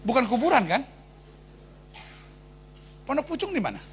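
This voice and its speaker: A male pastor preaching a sermon in an animated, joking way, calling out to his congregation. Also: very high-pitched, normal speed, a little hiss or hum.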